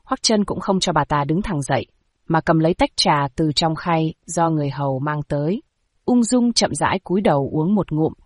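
A woman narrates a historical story aloud in a steady, even manner. Her voice sits low for a woman, and the recording is close and dry, with no room sound. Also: normal speed, dry recording. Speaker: audiobook narrator.

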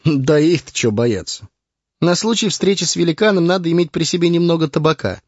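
A man voicing a charming, confident male wizard in an audiobook, calm and storytelling, commanding when angry. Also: on the high side, brisk, dry recording, voice pushed up, natural voice. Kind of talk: audiobook narration. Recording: dull lo-fi audio with music.

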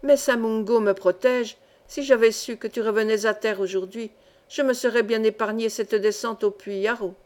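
A woman's voice: a little high, fairly even intonation, normal speed, a little mellow, lightly acted. A woman reading as a jovial young ex-miner. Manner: jovial, chatty. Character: cheerful man of twenty-five, singing ex-miner.

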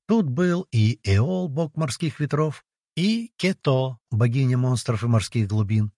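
A husky male voice reads a fantasy novel in the first person, his pitch bouncing animatedly from line to line. He delivers the jokes in a wry, playful way. The dry, close recording carries no room sound at all. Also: animated, unhurried, warm tone, no room sound. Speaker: audiobook narrator.

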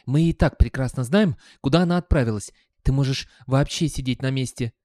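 A man voicing a grumpy, scruffy old male talking dog with a hoarse, grumbling voice in an audiobook. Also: medium pitch, a little fast, a little mellow, no room sound, clean studio sound, close to an everyday voice. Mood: sarcastic.

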